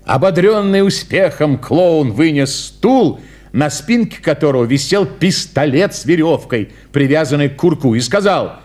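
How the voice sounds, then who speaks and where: A man reading a story aloud at an unhurried pace, voicing the characters in dialogue. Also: a little high, expressive, darkish tone.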